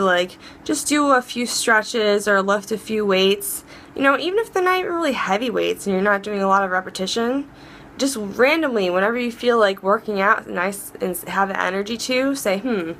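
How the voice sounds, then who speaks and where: A woman hosts a casual advice vlog, rambling chattily, frequently restarting sentences, and sounding warm and encouraging toward viewers. Her pitch is medium, and a slight hiss or hum can be heard.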